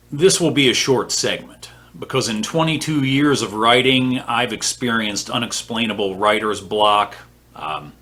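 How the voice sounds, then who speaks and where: Blunt, lively fifty-something man. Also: on the low side. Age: 50s. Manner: blunt, scornful, profane. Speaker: author and vlog host. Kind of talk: opinionated writing advice vlog. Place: home office.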